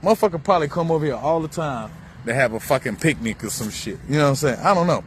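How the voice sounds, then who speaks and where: The vlogger's voice sits on the high side, with an expressive, fairly bright tone, and he talks fast. Outside beside a busy road with faint traffic behind him, he rambles profanely about spirituality, repeating himself as his thinking drifts.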